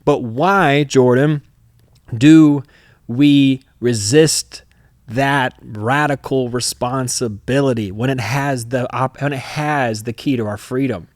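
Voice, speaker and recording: A man talking in a candid, unfiltered way, swearing freely and leaning hard on his words. His voice sits at an ordinary middle pitch, and the sound is close and dry with no room around it. He tells his story with plenty of emphasis and sudden bursts of force. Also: measured pace, hardly any pauses, no echo. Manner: emphatic, profane, swings into loud re-enacted outbursts. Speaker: podcast host.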